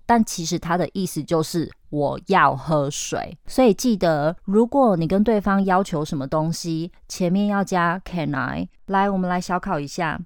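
Woman, Taiwanese Mandarin accent, podcast English teacher, lower-pitched, smooth voice, dry close sound. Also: dry recording. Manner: lively, coaxing teacher who models phrases slowly.

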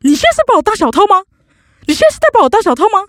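A woman mimicking a shrill, indignant young man. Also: very animated, very fast, fairly bright tone, dry recording, studio quality, full character voice. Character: angry young boyfriend neighbour, defensive.

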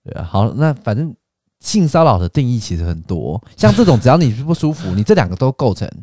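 Fast, lively man joking. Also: medium pitch, no echo, clean studio sound. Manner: teasing, joking, loose rambling. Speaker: podcast co-host. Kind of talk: casual chat.

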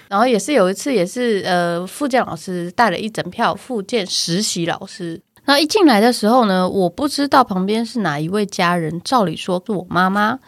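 A woman's voice: medium pitch, moderate pace. A woman hosting a casual podcast, telling stories and acting out the people in them. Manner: animated storyteller, acts out quoted people. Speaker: podcast host.

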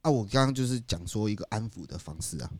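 A man's voice: lowish voice, lively intonation, quick pace, a little mellow, no echo, clean studio sound. A man with a Taiwanese accent chatting casually and frankly as a podcast co-host, in colloquial speech peppered with English words.

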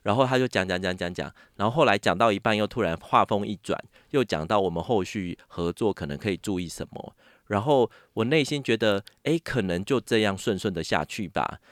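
A man with a Taiwanese Mandarin accent, a podcast guest telling a story in casual chat. He is animated and acts out other people's lines with sudden jumps in pitch. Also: brisk, no echo, clean studio sound.

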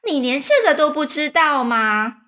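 A woman voicing a rude, grinning centipede who teases loudly in a children's storybook. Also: on the high side, expressive, normal speed, pitched above the performer's own voice. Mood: teasing. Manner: teasing, loud.

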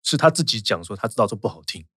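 A man with a Taiwanese Mandarin accent talks through legal cases in a relaxed podcast chat, rattling along at a quick pace. His pitch swings widely as he builds examples. The recording is close and dry. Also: husky, no echo. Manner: animated, explains with quick examples and laughs. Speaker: lawyer. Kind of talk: casual podcast chat explaining law.

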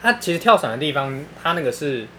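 A man's voice: fairly high pitch, sing-song, fast, fairly bright tone, a little hiss or hum. A man with a Taiwanese Mandarin accent telling funny stories in casual chat, laughing often and using crude slang.

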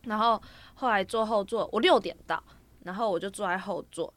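A woman's voice: medium pitch, brisk, fairly bright tone, dry recording. A young woman, telling a long story on a casual podcast, rambling from clause to clause with fillers. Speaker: podcast co-host.

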